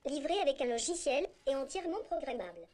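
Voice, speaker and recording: A small, polite humanoid robot speaking in a synthetic woman's voice with a high, chirpy tone. It rattles through a scripted self-introduction in an even, mechanical manner. The sound is clearly a machine voice coming from the robot's own speaker on a conference stage. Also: fast talker. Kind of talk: scripted text-to-speech demo.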